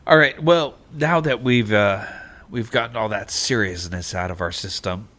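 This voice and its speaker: A man's voice: lowish voice, normal speed. A man hosting a casual podcast chat, joking and running the segments. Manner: lively, joking, runs the segments. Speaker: podcast host. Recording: uneven podcast audio.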